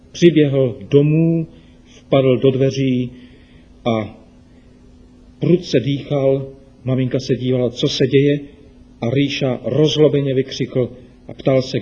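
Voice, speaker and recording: A man's voice: mid-range voice, dark tone, husky, highs cut off. Man telling a children's Bible story. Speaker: children's radio host.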